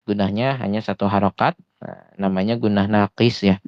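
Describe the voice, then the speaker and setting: A man gives an online Quran recitation lesson in a low, smooth, resonant voice. He explains patiently, pausing on small hesitations and slowing down to demonstrate sounds. The audio is dry and a little dull, like lo-fi voice chat. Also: steady tone, no echo. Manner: often slows to demonstrate sounds. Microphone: voice chat headset or desktop mic.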